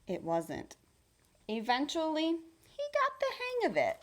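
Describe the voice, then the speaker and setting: A woman with a high voice gives an expressive, carefully paced reading of a children's storybook, much as a teacher would.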